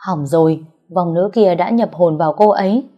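A woman's voice: on the low side, moderate pace, muffled recording, faint music behind, lightly acted. A woman voicing a self-assured old male exorcist who brushes off worry in an offhand way. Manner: offhand, confident, dismissive of worry. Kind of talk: audiobook character reading.

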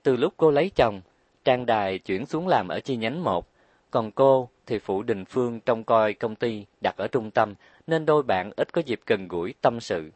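A man narrating an audiobook in a calm, steady reading voice. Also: medium pitch, normal speed, no echo.

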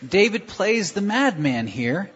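Preacher, husky and expressive, pitch all over the place, acts out scenes; dull lo-fi sound. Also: slow. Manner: animated, acts out the story with stutters and shouts. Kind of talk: sermon with live interpretation.

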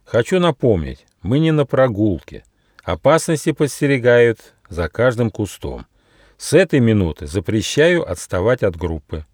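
A man's voice: medium pitch, very animated, moderate pace, darkish tone, dry recording, studio quality, pitched above the performer's own voice. A man voicing a kind, stern little gnome leader in a storybook, firm and modest.

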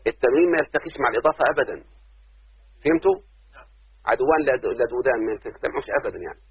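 An Egyptian man teaches a grammar lesson to a class in a rough, gravelly voice. He keeps stopping to ask whether the students have understood. The sound is dry and thin, like a phone line. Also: mid-range voice, lively intonation, racing, no echo. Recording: dry, tinny phone-like audio.

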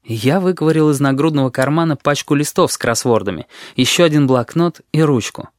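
A man reading an audiobook in the first person, telling the story in a measured, even way. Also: on the high side, dry recording. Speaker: audiobook narrator.

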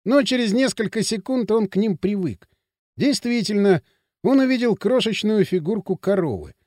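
A man narrating an audiobook in an even, measured storytelling manner. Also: high voice, no echo, clean studio sound. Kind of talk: scripted narration.

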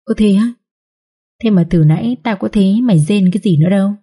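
A woman voicing a sly, sharp-tongued young maid who mocks her rival, in a read-aloud story. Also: medium pitch, quick pace, slightly rough, lightly acted. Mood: mocking.

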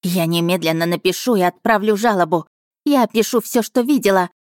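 A woman's voice: mid-range voice, a little fast, darkish tone, dry recording, clean studio sound, natural voice. A woman voicing an indignant, haughty she-wolf noblewoman who growls her threats. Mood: threatening.

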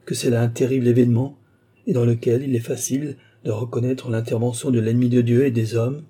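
A man's voice: medium pitch, flat delivery, a little fast, mellow, slightly rough, natural voice. A man reading the part of a distraught young woman who urgently recounts her abduction, in an audiobook. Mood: haunted. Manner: urgent, dramatic first-person telling.

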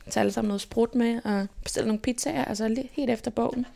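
A young woman from Denmark, telling stories from her life as an interview guest in a lively way and acting out what people said. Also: fairly high pitch, vocal fry. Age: young adult. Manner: lively, animated retelling with quoted inner speech. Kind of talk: casual personal storytelling.

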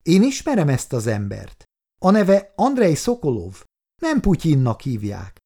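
A woman's voice: sits low, huge pitch swings, warm tone, voice pushed up, heavily acted. A male reader voicing a brave, exhausted young female nurse who speaks up with passion. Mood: indignant. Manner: impassioned, pleading. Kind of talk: audiobook dialogue.

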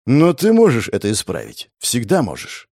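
A man voicing a young commoner student fighter who speaks slowly with cold contempt and menace. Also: mid-range voice, huge pitch swings, creaky, a little mellow, dry recording, studio quality, full character voice.

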